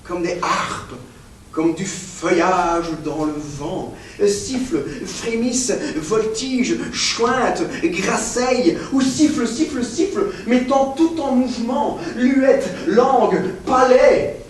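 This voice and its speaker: A man's voice: very high voice, slow pace, slight background noise. A man playing a pompous, declamatory professor. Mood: pompous lecturing. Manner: declamatory, insistently repeats "mademoiselle". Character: pedantic male professor, grandiose, increasingly frenzied. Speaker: stage actor. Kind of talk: stage play performance. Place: theater stage. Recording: echoey stage captured from far off.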